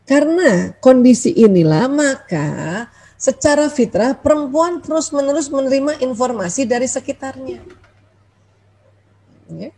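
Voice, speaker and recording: A middle-aged woman doctor lectures on parenting over a video call, speaking in a fairly high, husky, mellow voice. She keeps it chatty and animated, slipping into little acted-out quotes. The sound is that of an online meeting. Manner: chatty, animated, acts out quoted thoughts with laughs.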